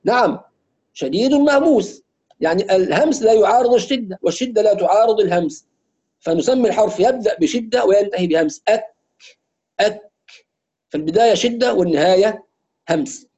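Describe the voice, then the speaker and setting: A man with an Egyptian accent teaching Quran recitation in an online lesson, explaining rules and demonstrating slow, drawn-out recitation examples. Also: sits high, animated, warm tone. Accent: Egyptian Arabic.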